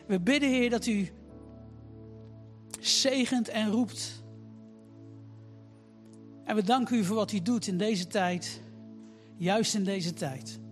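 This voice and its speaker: High-voiced man praying fervently. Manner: repetitive, emphatic phrasing. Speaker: preacher leading prayer. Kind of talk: fervent spoken prayer and altar call. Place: church service.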